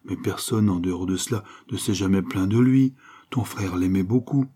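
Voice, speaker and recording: A man reading an audiobook voices a gentle, anxious mother who pleads with her son. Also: low-pitched, normal speed, breathy edge. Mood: pleading.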